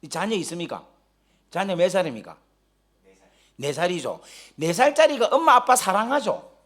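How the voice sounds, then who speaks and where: A man preaching a sermon, telling stories animatedly, joking with the congregation and rising to shouts when stirred. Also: high-pitched, very animated, moderate pace. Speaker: guest pastor. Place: church sanctuary during a live service.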